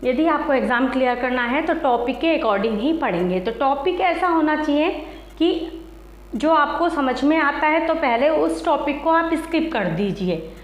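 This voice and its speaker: A woman's voice: sits high, lively intonation, normal speed. A woman teacher giving exam-prep advice in a casual teaching talk, repeating herself and adding fillers like "okay". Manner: repetitive, fillers like "ok" and "theek hai". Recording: echoey room.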